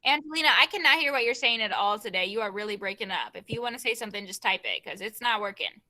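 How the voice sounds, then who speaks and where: A young woman teacher leading an online grammar class over a video call, brisk and given to repeating her prompts. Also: mid-range voice, lively intonation, pushed and bright.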